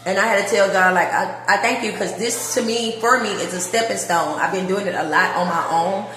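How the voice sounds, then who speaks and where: A woman gives a casual livestream tour of her new apartment, speaking warmly and laughing frequently as she moves through empty rooms. She has a mid-range, steady, somewhat bright voice and talks fairly quickly. The audio has a little hiss or hum and long reverb from the bare rooms.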